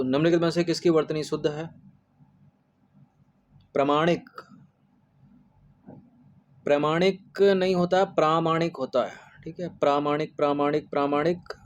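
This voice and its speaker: Guy going over test answers, slightly high voice, says each word over and over. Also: darkish tone, highs cut off. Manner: repetitive, drills spellings with "ठीक है" fillers. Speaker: exam-prep teacher.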